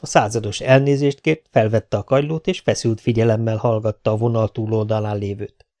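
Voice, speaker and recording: A man with a fairly low voice narrates a novel as an audiobook, reading in a measured, even storytelling manner.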